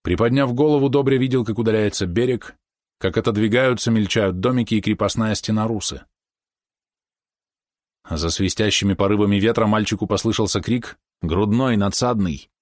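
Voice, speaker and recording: Male audiobook narrator, low voice, dry close sound, steady reading. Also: dry recording. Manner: steady, measured storytelling. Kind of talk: scripted narration.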